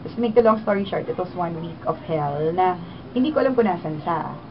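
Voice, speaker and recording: A woman's voice: fairly low pitch, fairly quick. A woman in her twenties with a Filipino accent, a radio DJ telling her story in an interview, mixing Tagalog and English. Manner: animated, switches between Tagalog and English. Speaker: radio DJ guest. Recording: dull lo-fi sound with clear noise.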